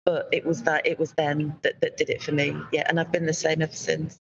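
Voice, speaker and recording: A woman with a Yorkshire accent, chatting as a guest in an interview and telling stories in an upbeat, lively way. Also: low voice, brisk, gravelly. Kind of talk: casual interview chat. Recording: dull lo-fi remote audio.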